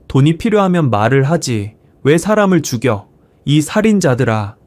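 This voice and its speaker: A man's voice: on the high side, sing-song, moderate pace, no room sound. An outraged old grandfather, as a male narrator puts him on, scolding in a raised voice. His tone stays dry and close, with nothing around it. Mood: enraged. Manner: shouting, scolding. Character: furious elderly retired teacher grandfather.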